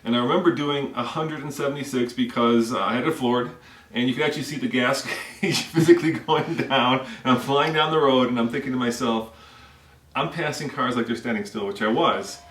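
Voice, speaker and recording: A man's voice: mid-range voice, a little fast, fairly bright tone. A middle-aged man from the Czech Republic hosting a car show, telling chatty stories with laughter while sitting on a living room floor. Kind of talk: casual storytelling chat. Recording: roomy echo, distant mic.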